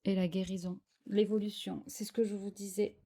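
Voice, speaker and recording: A woman's voice: mid-range voice, little pitch movement, moderate pace, mellow. A French-speaking woman giving a spiritual tarot reading, hesitant and searching for words with many fillers. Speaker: tarot card reader.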